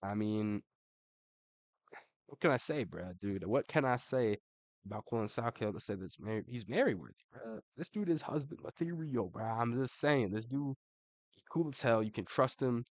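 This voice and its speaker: A man's voice: mid-range voice, lively intonation, moderate pace, no room sound. A man giving casual, slangy commentary, swearing and tossing in "bro" constantly, with laughs between remarks. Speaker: online commentator ranking fighters.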